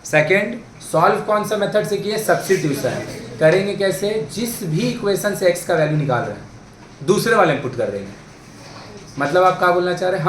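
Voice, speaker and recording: A man tutoring math students in a classroom, coaxing them along with questions and calling them babu and bhai. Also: high-pitched. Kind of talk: classroom math lesson in Hindi-English mix. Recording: echoey room, mic far off, faint background noise.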